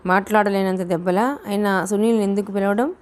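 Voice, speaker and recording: An injured young woman in a storybook asks anxious, pleading questions. A woman narrator reads her in a voice close to her own. The pitch sits in the middle of a woman's range. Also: fairly even intonation, brisk, close to an everyday voice.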